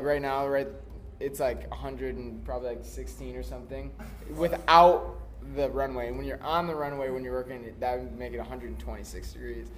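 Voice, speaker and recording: A young man, a skateboarder, telling rambling stories in casual chat at a busy skate event. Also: mid-range voice. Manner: animated, rambling storyteller. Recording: crowd noise behind. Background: crowd chatter.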